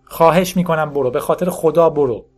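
A man's voice: medium pitch, faint music behind, lightly acted. A man voicing a frightened woman who runs a café, begging and crying out. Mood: pleading. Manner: pleading, crying out. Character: frightened female café owner, trembling and begging.

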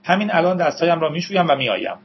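A man's voice: fairly high pitch, big pitch swings, dull audio, slight background noise, voice pushed up. A man doing a wry teenage boy. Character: teenage boy computer tinkerer, wry and evasive.

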